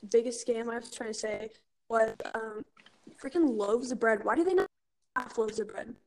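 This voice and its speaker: Young female podcast co-host, highish voice, chatty slangy banter with lots of filler "like". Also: normal speed, darkish tone, slight background noise, rough recording. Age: young adult. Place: kitchen at home.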